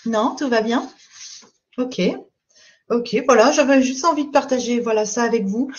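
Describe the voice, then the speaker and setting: A woman parenting coach giving a live-streamed talk. She explains calmly and patiently and keeps checking in with her viewers. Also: fairly high pitch, moderate pace, highs cut off.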